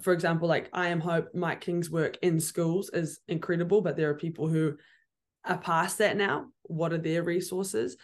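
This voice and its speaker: A New woman in the role of interviewer, speaking in a conversational way. Her pitch moves very little, giving her a flat, even delivery. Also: normal speed.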